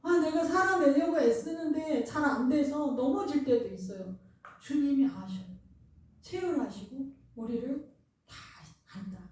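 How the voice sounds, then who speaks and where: In a church sanctuary, a woman pastor with a high, slightly mellow voice and lively intonation gives an earnest, conversational sermon at a normal pace, asking the congregation questions. The distant mic captures a very echoey hall.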